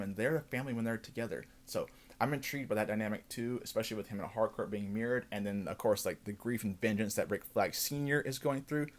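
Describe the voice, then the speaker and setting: Man, show host, casual recap, enthusiastic, mid-pitched voice. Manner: enthusiastic, laughs easily, loose fillers. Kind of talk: casual episode recap commentary.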